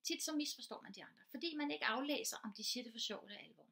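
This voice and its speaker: Earnest woman teacher explaining, higher voice. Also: animated, gravelly, pushed and bright. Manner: earnest and explanatory, builds points with everyday examples. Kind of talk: informal lecture.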